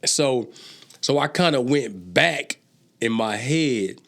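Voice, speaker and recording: A gravelly, mid-range male voice at a slow pace belongs to a rapper and entrepreneur who is the guest in a casual conversation. He tells stories in profane street slang and stammers through restarts when he gets excited.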